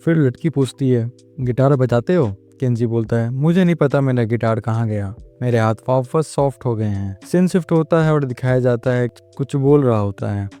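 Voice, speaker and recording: A man's voice: medium pitch, normal speed, few pauses, warm tone. A man narrating a manga plot recap, retelling scenes line by line and reading the characters' lines in his own plain voice.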